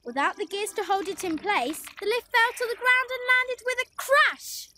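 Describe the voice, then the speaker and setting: This storybook narrator has an extremely high, expressive voice and speaks at a normal pace amid heavy background noise. Music plays behind her as she animatedly reads a scripted children's tale aloud to young listeners.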